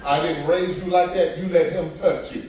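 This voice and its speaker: A man voicing a stern mother who scolds low and firm, heard in an echoey room from a distance with an audience. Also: steady tone, moderate pace, lo-fi sound, very noisy, lightly acted. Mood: scolding.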